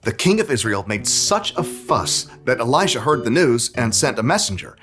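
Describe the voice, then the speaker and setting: A man's voice: mid-range voice, very animated, moderate pace. Casting: male narrator for children's Bible stories, middle register, faint music underneath. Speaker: story narrator.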